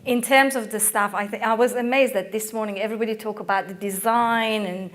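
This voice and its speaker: Woman panelist, emphatic, many fillers, voice going hoarse, mid pitch. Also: steady tone, fairly quick, fairly bright tone. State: losing her voice. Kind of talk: conference panel discussion.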